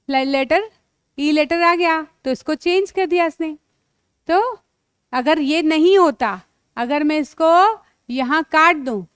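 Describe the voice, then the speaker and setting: Recorded cleanly in a studio with no room sound, a high-voiced Indian-accented woman leads young children through phonics. She sounds out each word letter by letter and addresses the listeners as "beta."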